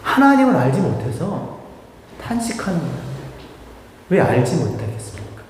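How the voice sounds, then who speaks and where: High, lively preacher in an echoey hall. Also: male voice, normal speed. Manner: animated, full of rhetorical questions. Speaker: pastor. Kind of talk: sermon with congregation reading aloud. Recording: echoey hall with faint noise.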